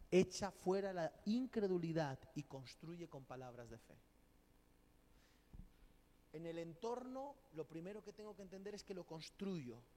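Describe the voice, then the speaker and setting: A man's voice: sits high, warm tone, a little hiss or hum. A man from preaching a sermon, emphatic, asking rhetorical questions and acting out quoted people. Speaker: pastor.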